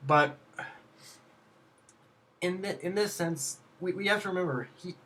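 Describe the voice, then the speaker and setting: A young man casually reviewing an anime episode, halting and restarting often, with plenty of swearing. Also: sits high, bright, forceful tone.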